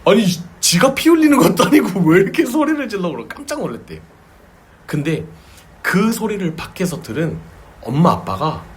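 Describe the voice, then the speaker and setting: Lively storytelling pastor man. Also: high voice. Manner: storytelling with vivid sound words and acted cries. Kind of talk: sermon. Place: small home church service.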